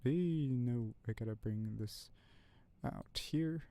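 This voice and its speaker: With a mellow, medium-pitched voice and a slow pace, a man composes on stream and talks through his ideas in a relaxed, meandering style packed with fillers. He keeps turning to chat to read out what viewers have written.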